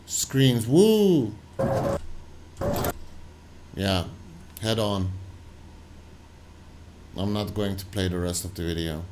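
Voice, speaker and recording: A man hosting a reaction video, talking loosely and haltingly over footage he is watching. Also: low-pitched, steady tone, background noise. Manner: loose, halting, full of "like" and restarts. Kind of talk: casual commentary over footage.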